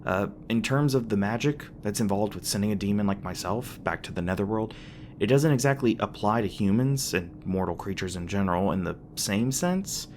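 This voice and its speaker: A man performs an ASMR roleplay as a young demon boyfriend, speaking casually with teasing jokes, sweetness and hesitant asides, earnestly explaining. His low-ish, expressive, slightly mellow voice is close to everyday speech at normal speed, with a little hiss or hum.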